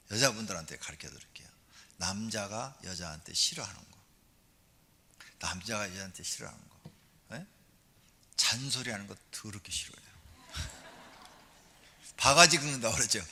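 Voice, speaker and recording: Brief: animated male pastor, bright forceful delivery, reverberant sanctuary. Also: lowish voice, breathy edge. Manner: animated, acts out quotes and calls for responses. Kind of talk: sermon. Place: church sanctuary. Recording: reverberant church hall.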